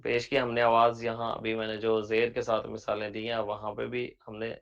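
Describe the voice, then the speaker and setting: A male Braille teacher gives an online class. He spells every word out letter by letter in a slow, deliberate way, pausing on each sound, and patiently repeats his examples for the students. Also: on the low side, completely flat delivery, creaky, fairly bright tone, dull audio.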